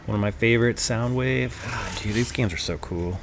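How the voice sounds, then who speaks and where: A man's voice: on the low side, moderate pace, noisy background. A man hosting a casual, enthusiastic video game commentary, informal and fannish in the way he talks. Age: adult, grew up with the original cartoon. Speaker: video host. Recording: voice-over with loud game music. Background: loud game music.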